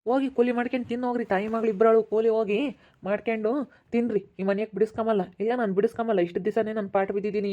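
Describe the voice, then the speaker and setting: A man playing a harsh village father who scolds at a rapid clip. The sound is dull and lo-fi. He gives no ground to his family. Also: sits high, close to an everyday voice. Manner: harsh, scolding, fast-talking. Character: stern angry village father refusing his daughter.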